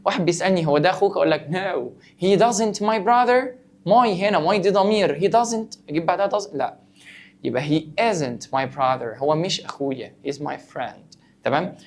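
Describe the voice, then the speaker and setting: Fast-talking Egyptian teacher. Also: male voice, fairly high pitch. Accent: Egyptian Arabic. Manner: asks and answers his own questions, playfully teasing the student. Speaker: English teacher. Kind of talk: online grammar lesson.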